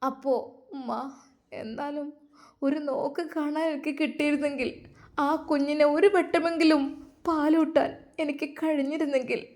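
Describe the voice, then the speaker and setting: A tearful young mother, full of remorse, speaks softly and brokenly in a high voice, pleading through her sobs, as a woman storyteller puts her on. The delivery is hushed and heartbroken, like a spoken tale. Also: unhurried, pauses often. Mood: grieving. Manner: sobbing, pleading, soft-spoken. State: crying. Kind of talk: dramatic storytelling.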